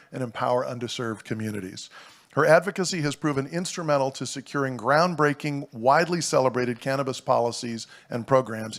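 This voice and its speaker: A man at an event reads out a formal introduction for the next speaker. He keeps an even, measured pace. His voice sits at a typical pitch.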